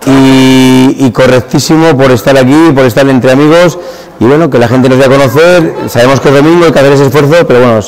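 A man's voice: mid-range voice, fairly quick, a little mellow. A man in his forties with a mid-range voice chats about his shop, talking freely but stumbling and repeating words at times. He stands at an exhibitor stand in a hotel hall. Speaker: shop owner. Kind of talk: on-camera interview.

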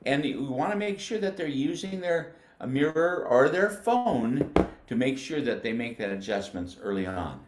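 An older man from the United States teaching band, explaining flute technique patiently and sounding out syllables slowly. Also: mid-range voice, big pitch swings, echoey room, noisy background. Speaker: music educator. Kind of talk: instructional demonstration.

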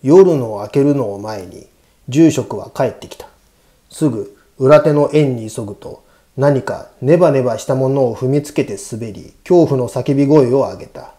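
In this horror audiobook, a man narrates a scripted ghost story in a slow, deliberate hush that feels eerie. The pitch is middling and the tone very dark and soft around the edges.

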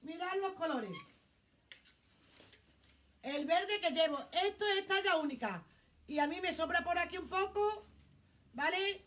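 A woman's voice: very high-pitched, expressive, unhurried, long pauses, fairly bright tone. A middle-aged woman with a Spanish accent, selling clothes on a casual live stream from her shop. She chats in an exclamatory way, reads out viewer comments and swears casually. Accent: Spanish from Spain.

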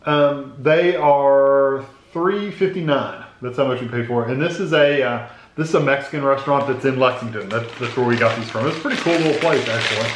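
A man's voice: mid-range voice, fairly quick. An American man in his fifties chatting casually as he reviews snacks, talking between bites of crunchy food. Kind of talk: casual taste-test chat. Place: small indoor room at a table. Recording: roomy echo, clear background noise.

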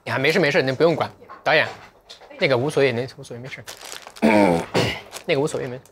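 Livestream host, male, mid-pitched, musing and wry, unhurried talk over faint background hiss. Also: lively intonation, gravelly, a bit bright. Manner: reflective, joking, drifts into slow careful English. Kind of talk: casual livestream chat.

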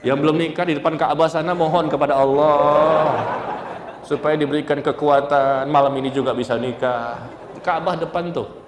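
A male preacher tells stories and jokes with his congregation, and his voice jumps now and then to sudden high exclamations. He speaks a little higher than most men. His voice rings through a large mosque hall with a long reverb and faint room hum. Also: steady tone, moderate pace. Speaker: Islamic preacher. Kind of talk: lively sermon to a congregation. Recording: echoey hall from far off.

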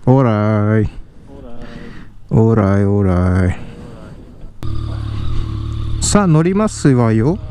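A young man chatting casually as a motorcycle passenger, excitable and laughing often, in polite speech. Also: fairly low pitch, slow, pauses often. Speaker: motovlogger, tandem passenger. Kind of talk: casual chat. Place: outdoors, on a motorcycle and at a putting course. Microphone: helmet-mounted camera mic. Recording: wind and road noise. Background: traffic and wind noise.

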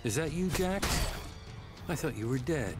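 A man's voice: fairly high pitch, expressive, moderate pace, over loud music, close to an everyday voice. A man voicing a suspicious male guard who questions an old comrade in a wary, mocking way.

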